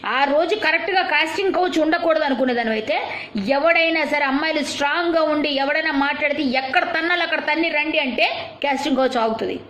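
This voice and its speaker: A woman's voice: sits high, quick pace, a bit bright. A woman delivering an angry, confrontational rant at a rival, firing off rhetorical questions and scolding. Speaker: video commentator. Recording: roomy echo.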